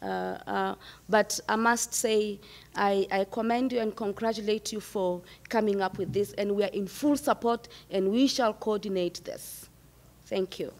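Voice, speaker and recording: A woman's voice: medium pitch, a little slow, a little mellow, a little hiss or hum. A woman speaking as an official guest, giving formal, supportive remarks.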